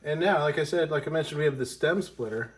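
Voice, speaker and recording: A man's voice: on the high side, fast talker. A man teaching a casual music lesson with a congested, stuffy voice, rambling and correcting himself as he goes. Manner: rambling, self-correcting, with frequent ums. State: congested from a cold.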